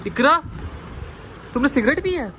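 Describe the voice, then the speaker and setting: A young man, loudly accusing and scolding during a prank at home. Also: very high voice, expressive, measured pace, background noise. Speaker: vlogger, husband in a prank. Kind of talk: prank vlog confrontation. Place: home bedroom, indoors.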